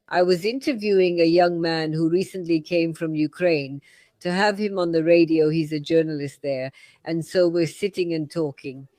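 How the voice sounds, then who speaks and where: A middle-aged native Russian speaker hosts a radio talk show, retelling a story by acting out both sides of a conversation. His voice sits high with a darkish tone, and there's no room sound.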